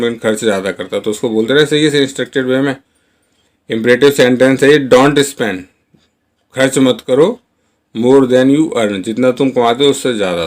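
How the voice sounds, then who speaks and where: Male English teacher, Hindi-medium lesson, drills each phrase slowly and deliberately, mid-pitched voice.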